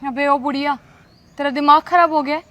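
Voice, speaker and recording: A woman's voice: high voice, steady tone, a little fast, natural voice. A woman playing a rude, arrogant young woman who mocks and insults her elders in a short acted skit. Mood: contemptuous. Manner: sneering, mocking. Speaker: rude ex-girlfriend.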